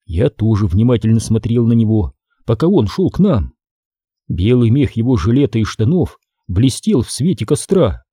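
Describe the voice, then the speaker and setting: Dark, husky male narrator. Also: mid-range voice, big pitch swings, moderate pace, dry recording, studio quality. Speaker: audiobook narrator. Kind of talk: scripted audiobook narration.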